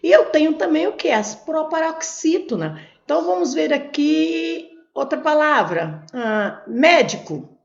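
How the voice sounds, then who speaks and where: A woman's voice: sits high, very animated, unhurried, gravelly, reverberant. A woman teaching Portuguese grammar for an exam, explaining step by step, with a Brazilian Portuguese accent, who asks questions and then answers them herself. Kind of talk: exam prep lesson, explaining on a board. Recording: dull lo-fi recording.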